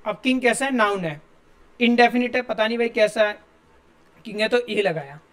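A man's voice: high-pitched, moderate pace, a bit bright. A male teacher, giving a classroom grammar lesson and explaining step by step while asking his students questions.

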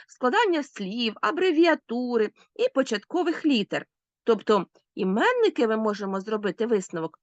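A woman teacher talks her pupils through a recorded lesson, stretching out example words so every sound is heard. Her pitch moves a lot, up and down, and her voice is captured dry, with no room sound. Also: dry recording. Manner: clear, deliberate enunciation, slowing to spell out sounds. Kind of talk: recorded language lesson for schoolchildren.

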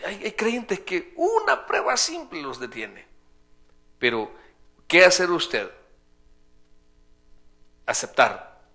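A man preaching a sermon to his congregation, pressing each point with repetition and rhetorical questions. His voice sits a little high and has a bright, forceful edge. He takes his time over every phrase. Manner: emphatic, repeats points and asks rhetorical questions. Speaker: pastor. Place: church sanctuary.

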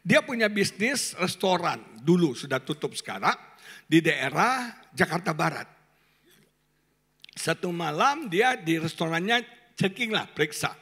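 A man preaching a sermon to a congregation, talking in a colloquial, animated way and often asking the people questions. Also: a little high, measured pace, husky. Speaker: pastor. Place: church service hall. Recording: reverberant church hall.

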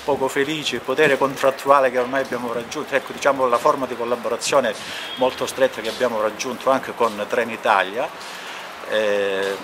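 A man's voice: medium pitch, fairly even intonation, normal speed. A man in his sixties giving an unscripted spoken statement outdoors, hesitantly searching for words and repeating himself. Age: 60s. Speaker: promoter of rail trips, spokesman. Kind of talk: unscripted on-camera interview statement. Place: outdoors at a railway station entrance. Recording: faint outdoor station background noise.

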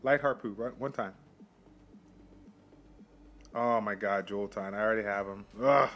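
A young man with a fairly low pitch talks through his summons for his mobile game channel, casual but prone to quick excited bursts. It's recorded on a phone mic.

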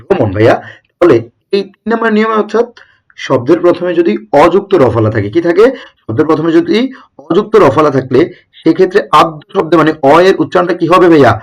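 A man's voice: on the high side, animated, fast talker. A young man teaching an exam-prep lesson, who keeps posing rhetorical questions and answering them himself.

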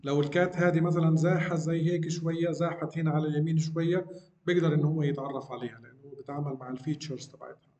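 This middle-aged man gives a very fast university lecture on deep learning, explaining step by step, mixing in English technical terms and often checking in with "okay?". His voice sits on the high side, steady and a little mellow. The sound is roomy and dull.

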